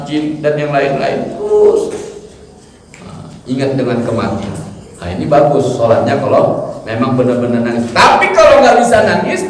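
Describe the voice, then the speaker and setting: Male preacher, humorous and animated, mimics chanting; booming mosque reverb. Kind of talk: mosque study sermon. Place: large mosque hall. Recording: echoey hall, mic from far off.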